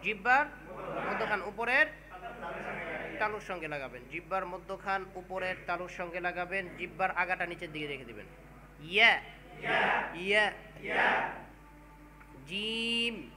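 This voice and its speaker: A man teaching a Quran recitation class, chanting verses in drawn-out tones and drilling his students to repeat after him. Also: high-pitched. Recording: clear steady background noise.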